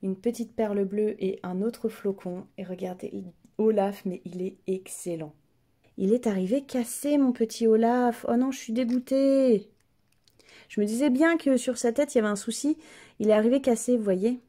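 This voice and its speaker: Gushing woman unboxing, mellow tone. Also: a little high, moderate pace. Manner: enthusiastic, many fillers and restarts. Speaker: vlogger. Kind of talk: casual unboxing chat.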